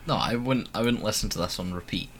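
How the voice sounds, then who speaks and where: A man co-hosting a casual music review podcast, animated and opinionated, often restarting his sentences. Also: fairly low pitch, fast, creaky, slight background noise. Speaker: podcast co-host.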